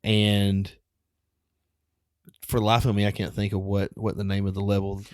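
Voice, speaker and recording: A man's voice: lowish voice, monotone, normal speed, a little mellow, smooth, no echo, clean studio sound. A man in his thirties co-hosting a podcast, chatty and upbeat, laughing easily in casual chat. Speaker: podcast co-host.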